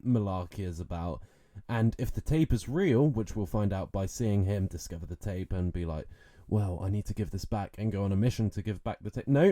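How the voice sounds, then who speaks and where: A man co-hosting a podcast, retelling movie scenes in an animated, incredulous way. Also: mid-range voice. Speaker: podcast co-host. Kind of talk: casual film review chat.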